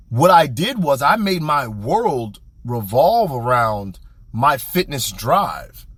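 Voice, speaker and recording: A young podcast host's motivational monologue comes across as animated, preachy, blunt and colloquial. His medium-pitched voice has a breathy edge, with no echo in the recording.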